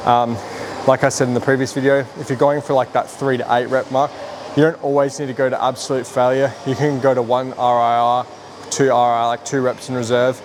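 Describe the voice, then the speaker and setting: A man's voice: mid-range voice, flat delivery, a little fast. A man talking casually through their workout in a gym, explaining things in an informal, rambling way as a fitness vlogger. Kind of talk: casual workout vlog, explaining as they train. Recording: noisy room with ambient hum.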